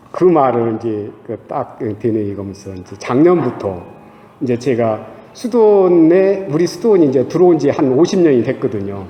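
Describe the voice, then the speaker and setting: A man's voice: on the high side, warm tone. A man in his sixties, a religious brother, giving a Lenten talk in a conversational way. He keeps asking "eh?", chuckles, and acts out his own inner talk. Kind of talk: conversational church lecture. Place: church hall. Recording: echoey church hall with long reverb.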